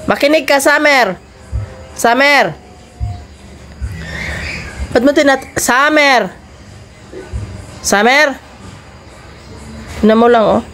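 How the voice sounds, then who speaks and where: A woman filming her dogs at home, scolding them and calling them over in a chiding, coaxing voice, then talking more quietly to viewers. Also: medium pitch. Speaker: dog owner filming her pets. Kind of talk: casual vlog narration.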